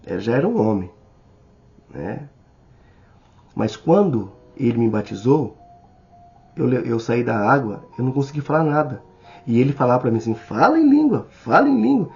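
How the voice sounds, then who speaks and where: A man with a Brazilian Portuguese accent teaching a Bible study in a sermon style, speaking slowly and deliberately and addressing the listener directly. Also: mid-range voice, lively intonation, darkish tone. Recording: slightly dull recording with faint music.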